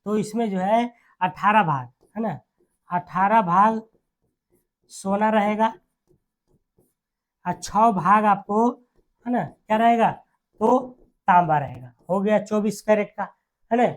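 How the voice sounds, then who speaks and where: A teacher delivers an exam lesson, drilling each answer by saying it twice. Short rhetorical questions and tags keep checking on the listener. The pitch sits in a middle range. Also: slow pace, long pauses. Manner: repeats key words, quizzes with "है ना" tags. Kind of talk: classroom-style exam lesson.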